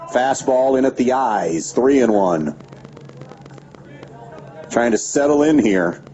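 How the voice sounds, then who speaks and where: Male radio play-by-play voice, warm low tone, steady pitch-by-pitch calls, muffled lo-fi broadcast. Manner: steady pitch-by-pitch calling with stats between pitches. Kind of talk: baseball play-by-play commentary. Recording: dull lo-fi radio broadcast with faint background noise.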